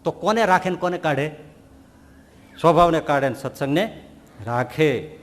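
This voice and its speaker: A man preaching a sermon, telling animated stories and asking rhetorical questions. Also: fairly high pitch, normal speed, big-room sound. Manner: animated storytelling, rhetorical questions, voices quoted figures. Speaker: Swaminarayan preacher.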